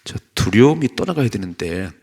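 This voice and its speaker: Male pastor preaching early morning, gravelly voice, gets loud then drops to a hush. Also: fairly low pitch, big pitch swings, moderate pace. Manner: swings between loud emphatic preaching and hushed asides. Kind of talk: dawn prayer sermon.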